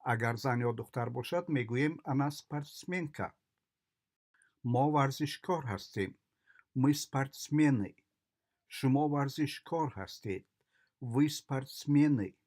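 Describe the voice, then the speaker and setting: Slow, deliberate male language teacher. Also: mid-range voice, a little mellow. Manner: deliberate, repeats phrases in patterns. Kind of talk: slow drilling of vocabulary.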